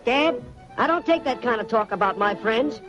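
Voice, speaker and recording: An actor playing an earnest, stubborn young cowboy son in a 1930s western film. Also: male voice, extremely high pitch, animated, moderate pace. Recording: muffled old 1930s film soundtrack, music behind.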